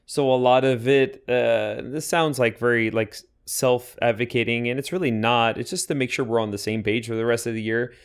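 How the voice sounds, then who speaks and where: A man's voice: medium pitch, steady tone, moderate pace, hardly any pauses, clean tone. A man co-hosting a podcast, talking earnestly and intensely in casual chat about choir teaching. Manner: earnest, intense, self-aware. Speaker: podcast co-host.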